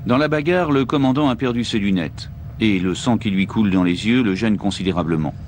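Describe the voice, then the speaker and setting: A man's voice: on the low side, a little fast, darkish tone, a little hiss or hum. A man giving dramatic scripted narration for a documentary. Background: music.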